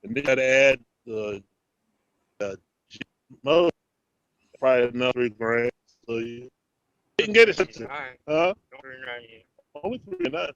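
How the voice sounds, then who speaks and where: A man calling in to a casual group chat over a bad connection that keeps breaking up, talking haltingly with many pauses. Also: mid-range voice, expressive, a bit bright, dry recording. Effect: connection breaking up, cutting out. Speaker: remote caller in a group chat. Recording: dull lo-fi dry call audio.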